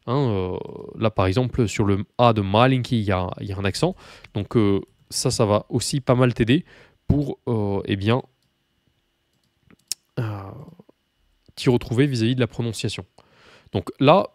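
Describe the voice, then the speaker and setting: A man giving a relaxed online language lesson, talking to the viewer informally and stumbling over fillers as he goes. His voice sits at an ordinary middle pitch. The recording is close and dry, with almost no room sound. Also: no echo. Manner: chatty, many fillers and restarts, addresses viewer informally; reads slowly and clearly for repetition. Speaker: Russian language teacher. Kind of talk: casual spoken lesson.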